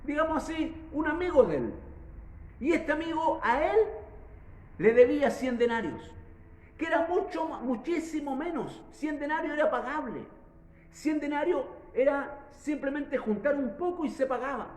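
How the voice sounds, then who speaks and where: A man's voice: very high voice, expressive, normal speed, a little mellow, echoey room, poor audio. A man from Chile preaching a sermon, retelling a parable with restarts and repeated words.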